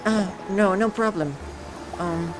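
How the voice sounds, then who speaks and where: A man's voice: high-pitched, slow pace, over music, pitched above the performer's own voice. A man voicing a wistful, hesitant teenage girl who writes poetry, in a video game read-aloud. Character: teenage girl, wistful poet missing her best friend.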